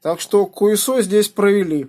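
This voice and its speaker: In a small indoor room at his home radio station, a man with a high, slightly mellow voice chats casually on the air at a moderate pace, giving call signs. A phone held near the radio picked up the audio indoors.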